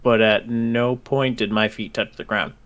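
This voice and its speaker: A man's voice: on the low side, fairly even intonation, a little slow, fairly bright tone. A man playing a tabletop game, talking casually and matter-of-factly about his character's moves.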